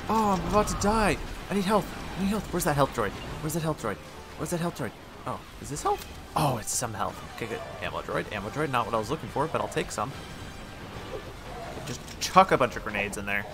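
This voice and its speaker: A man giving let's-play commentary, excitable, swinging from quiet muttering to yelling at the game. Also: mid-range voice, fairly quick, over music. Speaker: gaming channel host.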